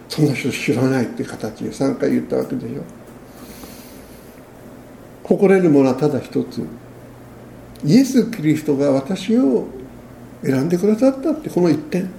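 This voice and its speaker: A man's voice: high voice, vocal fry, warm tone, echoey room, a little hiss or hum. A man preaching a sermon as a pastor, in a conversational way, often ending phrases with tag questions.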